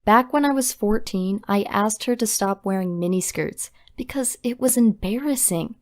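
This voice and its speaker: A young woman narrating a scripted storytime confession in a brisk, dramatic way. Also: mid-range voice, a little mellow.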